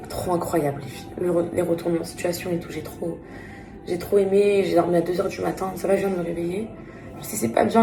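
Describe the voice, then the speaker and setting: A woman's voice: lowish voice, creaky, background noise. A tired young woman chatting casually to her phone camera at home, talking fondly to her viewers with lots of fillers. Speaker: vlogger.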